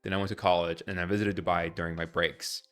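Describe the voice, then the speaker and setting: A man's voice: deep voice, little pitch movement, quick pace, smooth, soft background music. A young man from Ecuador chatting candidly on a live stream, rambling and correcting himself as he answers viewers. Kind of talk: casual live-stream chat.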